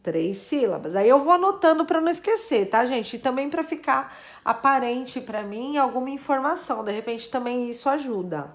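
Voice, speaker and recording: An adult woman teacher with a high, animated voice talks casually to her students at a moderate pace in a video lesson on math puzzles. She thinks aloud as she works through them, counting syllables and letters.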